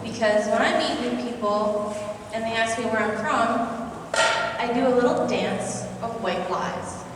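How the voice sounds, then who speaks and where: A young woman with an American accent, somewhat high-voiced, tells a personal story to a conference audience in a casual, self-deprecating way. She is picked up from a distance in a large hall, so her voice rings with long reverb. A steady hum of room noise sits under her words. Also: measured pace. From Singapore. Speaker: conference speaker. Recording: echoey hall, voice from far off.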